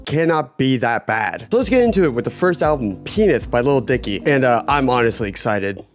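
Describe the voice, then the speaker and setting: A man's voice: medium pitch, expressive, brisk. A young man narrating a comedic music-making vlog in a jokey, profane, self-mocking way. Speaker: YouTube music creator.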